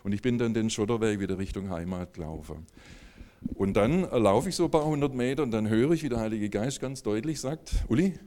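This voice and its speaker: Man, lowish voice, chatty testimony storyteller with fillers and asides. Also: brisk, warm tone, a little hiss or hum. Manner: casual storytelling with many fillers and tag questions. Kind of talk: spoken testimony to a live audience.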